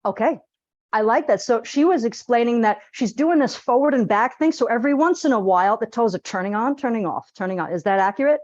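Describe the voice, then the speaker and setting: A lively woman with a slightly high voice leads an exercise class. She instructs directly and chats with animated humor. The sound is close and dry, though somewhat dull and lo-fi. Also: brisk, no room sound. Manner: direct, plain-spoken coaching.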